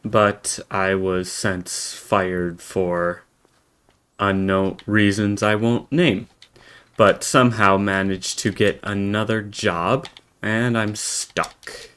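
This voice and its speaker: An American man giving in-character roleplay commentary while playing a farming game, halting and rambling with many restarts. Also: on the low side, steady tone, a bit bright, smooth. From United States. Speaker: game roleplayer and channel host.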